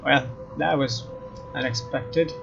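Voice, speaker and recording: A young man with a mid-range voice and some vocal fry speaks slowly during a let's play, dramatically reading story passages and making relaxed remarks. A slightly dull mic captures him over faint game music.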